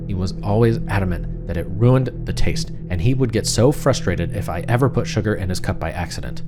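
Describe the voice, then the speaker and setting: A man narrating a horror story in the first person as a frightened, suspicious wife, confiding and uneasy, with deliberate pauses. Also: on the low side, close to an everyday voice. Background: music.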